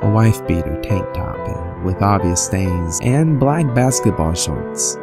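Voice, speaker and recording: A man's voice: on the low side, expressive, unhurried. A man reading creepy first-person stories from a script in a conversational storytelling manner. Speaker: horror story narrator. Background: music bed.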